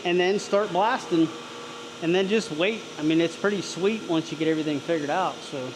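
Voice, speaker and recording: Man demonstrating over loud machine noise. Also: fairly high pitch, a little fast. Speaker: vlogger demonstrating workshop machinery. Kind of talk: casual hands-on demonstration. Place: workshop with running machinery. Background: machine running, steady mechanical noise.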